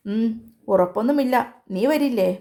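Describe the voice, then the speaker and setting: A woman's voice: a little high, moderate pace, close to an everyday voice. A woman voicing a chatty older female colleague. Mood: plain. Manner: hushed, coaxing.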